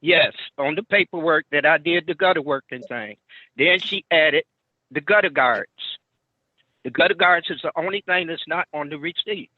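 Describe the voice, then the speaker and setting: A man testifying to a judge over a muffled phone line, speaking haltingly and repeating his words. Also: a little high, dry recording. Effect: muffled, tinny phone line. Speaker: party in a court hearing. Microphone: telephone. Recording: dry narrow phone-line sound.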